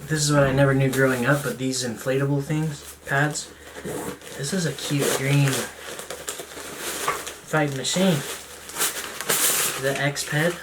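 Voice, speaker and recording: A young man rambles through a casual home unboxing, chatty and self-mocking. His voice sits at an everyday pitch and comes from a camera mic some way off, with the echo of a bare room. Clicks and a drawer opening or closing are heard behind him. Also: steady tone, a little slow, pauses often. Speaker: vlogger. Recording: roomy, distant camera mic, noisy.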